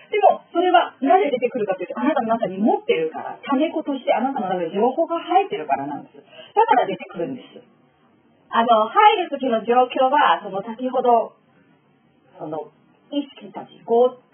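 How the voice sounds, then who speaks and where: Animated woman teacher, tinny phone-like sound. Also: on the high side. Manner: animated, explains with acted-out examples. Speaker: teacher of a spiritual school. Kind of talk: spoken lecture to students.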